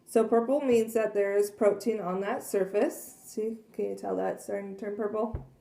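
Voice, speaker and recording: Hoarse woman in an echoey kitchen. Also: mid-range voice, steady tone, moderate pace, mellow. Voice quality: frequent throat clearing and coughs. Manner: chatty, earnest, many fillers. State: hoarse, losing her voice. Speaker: product demonstrator. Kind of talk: casual product demonstration. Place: kitchen at home. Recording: echoey room.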